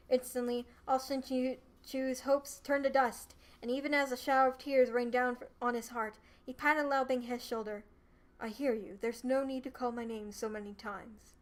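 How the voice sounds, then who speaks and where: High-voiced young woman reading a story aloud. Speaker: streamer. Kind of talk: live storybook read-aloud narration.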